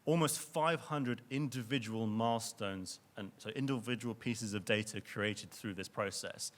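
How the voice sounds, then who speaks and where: A young man presents at a conference in a fairly low voice, speaking earnestly. He often backs up to repeat a word before pushing on. He sounds like he is addressing a room full of listeners. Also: a bit bright. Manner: earnest, repeats words and restarts. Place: lecture venue with audience.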